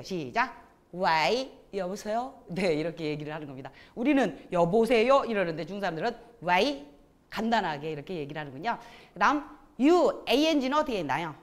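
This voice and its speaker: A woman teaching a pronunciation lesson, calling out sounds and cues for students to repeat. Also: medium pitch. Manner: calls out drills with cues to repeat. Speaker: Chinese language teacher.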